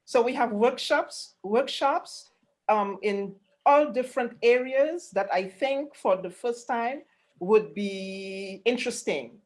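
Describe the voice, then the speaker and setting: A woman explaining her work conversationally on an online panel, halting at times and repeating words for emphasis. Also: on the high side. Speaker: panelist presenting a rural tourism programme. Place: online video call.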